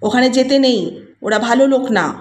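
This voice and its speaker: A woman's voice: a little high, normal speed, close to an everyday voice. A woman voicing a stern, protective mother who scolds in a firm way. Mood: scolding. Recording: roomy echo.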